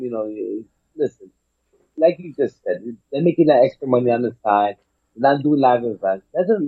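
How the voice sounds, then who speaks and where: A man's voice: mid-range voice, breathy edge, dry recording. A man co-hosting a casual podcast, mixing into his English. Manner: switches between English and Spanish. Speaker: podcast co-host. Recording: dull lo-fi mic.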